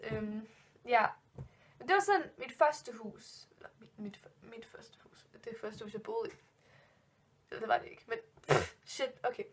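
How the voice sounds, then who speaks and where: A woman's voice: on the high side, husky. A woman in her twenties telling ghost stories in a casual vlog, rambling with many fillers and restarts, spooked and giggling nervously. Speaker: vlogger.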